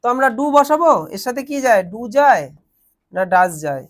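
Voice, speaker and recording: A man's voice: very high-pitched, very animated, brisk. A man teaching a grammar lesson in a classroom, explaining step by step and quizzing his students as he goes.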